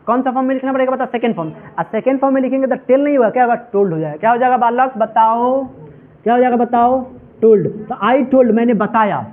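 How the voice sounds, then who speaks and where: Through tinny, phone-like audio, a very high-pitched man speaks quickly while teaching an English class. He keeps asking students question after question in a call-and-response pattern and addresses them as "my children".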